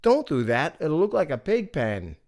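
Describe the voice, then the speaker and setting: A man's voice: a little high, big pitch swings, moderate pace, darkish tone, voice pushed up. A man voicing a cheeky, streetwise little male pig who speaks in a perky, wisecracking way.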